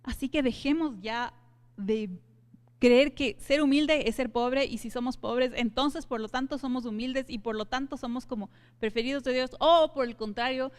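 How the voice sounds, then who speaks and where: A woman's voice: on the high side, moderate pace. A woman teaching a church Bible study, speaking earnestly and addressing her listeners directly. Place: church hall. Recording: long hall reverb.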